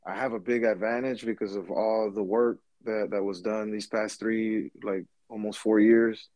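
A laid-back comedian chatting casually, swearing often and trailing off with fillers. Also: male voice, on the low side, little pitch movement, normal speed, darkish tone, no room sound. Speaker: comedian guest. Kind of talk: casual podcast chat.

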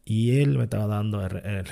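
A man's voice: on the low side, gravelly, warm tone. A man, an online seller talking to his channel in a casual, rambling way that often stops to correct himself. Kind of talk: casual vlog monologue.

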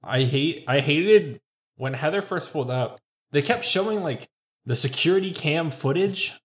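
A man in casual conversation with a lively, swooping voice that rises a little above the usual range. He talks in an animated way, often slipping into the voices of the people he describes. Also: fairly high pitch, normal speed. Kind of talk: casual chat.

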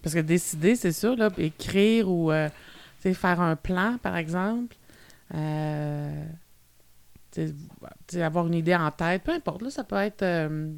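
A Québécois woman co-hosts a casual podcast, reading out definitions and chatting around them with plenty of fillers. Her voice sits on the low side with a gravelly edge, and the recording is dry and close. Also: measured pace, no room sound. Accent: Québécois French. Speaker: podcast co-host. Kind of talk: casual chat.

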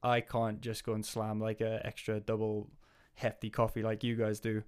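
A man's voice: lowish voice, monotone, normal speed, clean tone. Rambling male coach chatting. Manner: rambling, with many fillers and restarts. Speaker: guest, coach. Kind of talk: casual chat.

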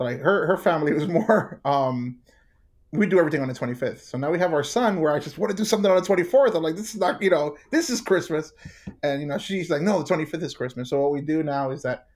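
A young adult man from New York, a worship musician guest telling stories in an animated, chatty way. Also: fairly high pitch, fast talker. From United States, New York. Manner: animated storyteller, acts out quotes. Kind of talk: casual interview chat.

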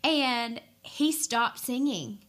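An earnest young woman shares her personal story as a podcast guest, speaking from the heart. She talks with an emotional, unpolished flow, often stopping to gather herself with a soft "um". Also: fairly high pitch, lively intonation. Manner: earnest and emotional, with frequent "um" pauses. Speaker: podcast guest, worship leader and pastor's wife.

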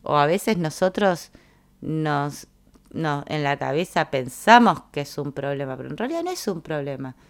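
A woman's voice: sing-song, moderate pace. A woman with a Rioplatense Spanish accent giving a reflective, casual talk on personal growth, thinking aloud and acting out quoted lines. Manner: acts out quoted dialogue with raised pitch; musing, thinking aloud with fillers.

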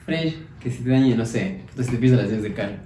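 A man's voice: medium pitch, fast talker, warm tone. A man co-hosting a casual comedic podcast, joking and swearing as he talks. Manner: joking, swearing, laughs between lines. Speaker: podcast co-host. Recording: roomy and off-mic with faint hiss.

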